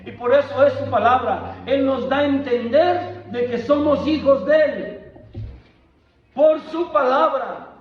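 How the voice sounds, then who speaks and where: A man's voice: extremely high pitch, a little slow. A man preaching a fervent sermon as pastor, repeating words and restarting phrases. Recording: echoey room, dull lo-fi sound.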